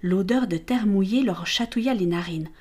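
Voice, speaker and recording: Female audiobook narrator; even, measured storytelling. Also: medium pitch. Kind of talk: scripted narration.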